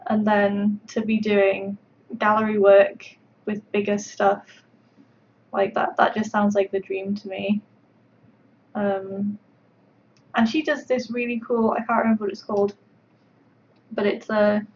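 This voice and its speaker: Gravelly, flat-voiced woman chatting on stream. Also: medium pitch, unhurried, long pauses. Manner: chatty, rambling, full of fillers. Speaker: sculptor livestreaming her work. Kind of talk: casual livestream chat while painting. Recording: dull lo-fi stream audio with faint background noise.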